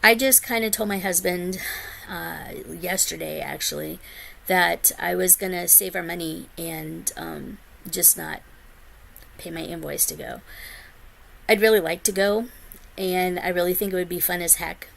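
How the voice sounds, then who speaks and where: Gravelly-voiced woman chatting casually on her vlog. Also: on the low side, steady tone, unhurried, a bit bright, slight background noise. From United States. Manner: rambling, frequent ums, tired. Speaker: flosstube vlogger. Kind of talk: casual chat to camera.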